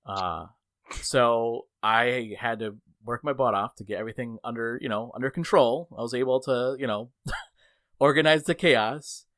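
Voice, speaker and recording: A man casually telling a work anecdote on a podcast, laughing often and jumping his voice up high to mimic the people in his story. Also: moderate pace, no echo. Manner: animated storyteller, jumps high to mimic others; laughs often while talking. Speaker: podcast co-host reading gaming news.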